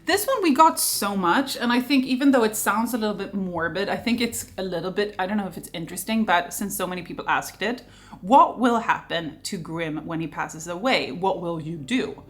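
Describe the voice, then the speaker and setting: Speaking at a normal speed in a mid-range voice, this Swedish woman in her thirties runs a casual question-and-answer session as a vlogger host. She's chatty and animated, with frequent laughter.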